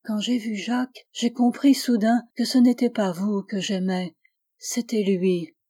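A woman's voice: medium pitch, fairly even intonation, unhurried, warm tone, lightly acted. A woman voicing an anguished, fervent young woman who was once blind, speaking with pleading intensity that rises to vehemence, in an audiobook. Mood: confessing.

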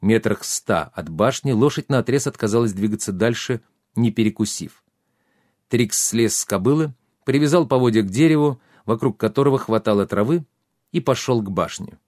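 A man giving steady, measured scripted narration of a fantasy audiobook. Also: mid-range voice, no echo, studio quality.

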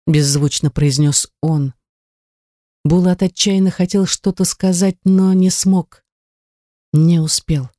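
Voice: mid-range voice, dark tone, no echo, clean studio sound. An audiobook narrator reading a first-person story with dramatic, emotive delivery. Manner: dramatic, emotive, rises to cries in quoted lines.

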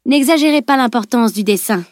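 A woman's voice: fairly high pitch, lively intonation, a little fast, a little mellow, no room sound, clean studio sound, pitched above the performer's own voice, natural voice. A woman reading an audiobook, voicing a bold, blunt young female sword fighter who speaks frankly and with spirit.

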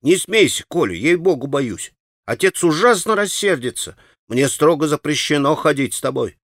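A man's voice: a little high, big pitch swings, moderate pace, fairly bright tone, no room sound, studio quality. A man voicing a timid young boy who pleads nervously in an audiobook. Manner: pleading, fearful.

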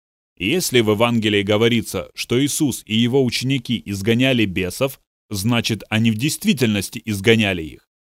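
A man's voice: on the low side, fairly quick, no room sound, studio quality, natural voice. A male narrator voicing a thoughtful lawman who reasons aloud hesitantly in an audiobook. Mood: musing. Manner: musing, hesitant. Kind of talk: audiobook dialogue reading.

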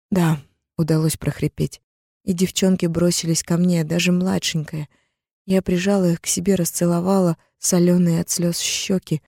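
A woman narrating a story in the first person with a tense, steady dramatic reading. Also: lowish voice, husky, no room sound, clean studio sound. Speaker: audiobook narrator.

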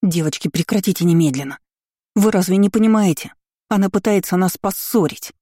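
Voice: medium pitch, a little fast, mellow, dry recording, studio quality, lightly acted. Reader voicing a flustered young heroine. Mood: firm. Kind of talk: audiobook role reading.

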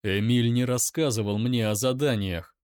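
A man playing an angry young man who shouts back in his own defense. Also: medium pitch, normal speed, no echo, studio quality, natural voice.

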